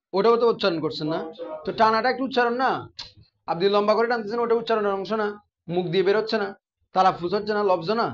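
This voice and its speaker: Guy teaching a class, talks fast and high, keeps quizzing students, muffled lo-fi sound. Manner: asks the class questions and repeats key terms. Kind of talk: classroom grammar lesson.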